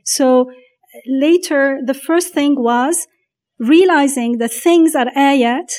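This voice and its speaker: Talking reflectively about faith during a conversation, a woman speaks in a high voice with a darkish tone. She frequently pauses, restarting her thoughts as she looks for the right words.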